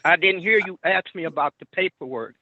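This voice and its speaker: A man testifying to a judge over a muffled phone line, speaking haltingly and repeating his words. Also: sits high, background noise. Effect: muffled, tinny phone line. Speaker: party in a court hearing. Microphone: telephone. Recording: dry narrow phone-line sound.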